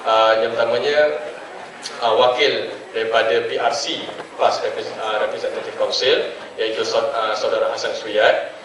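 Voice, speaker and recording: A man's voice: lowish voice, fairly even intonation, normal speed, fairly bright tone, distant mic, slight background noise. A young man from Penang with a Penang Malay accent moderating a student forum, hesitant with many fillers and light jokes. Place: large echoing hall. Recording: echoey hall, voice from afar.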